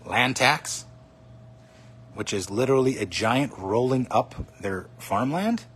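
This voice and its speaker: A man of mid pitch talks casually through a card opening, calling out each pull with bursts of excitement. His voice is slightly hoarse. A faint hum sits under the recording. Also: slow pace. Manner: chatty, excited, naming cards as he pulls them. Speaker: card box opening streamer. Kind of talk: casual livestream commentary.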